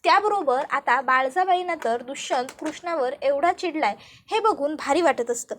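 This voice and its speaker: Brief: female storyteller with a very high voice, plain running narration of an episode. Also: expressive, normal speed, a bit bright. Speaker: storyteller recapping a serial.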